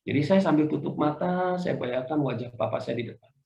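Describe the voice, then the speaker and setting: A middle-aged man, a pastor preaching a sermon with personal testimony, swinging between loud preaching and quiet recollection. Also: on the high side, brisk, creaky. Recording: echoey church hall, dull lo-fi sound.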